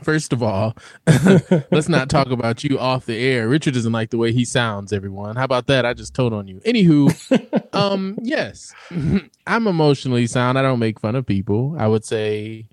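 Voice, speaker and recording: A man's voice: mid-range voice, animated, normal speed, dry recording, studio quality. A man co-hosting a relationship podcast, talking casually, teasing his co-host and laughing often, with stumbles and restarts. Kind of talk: casual chat.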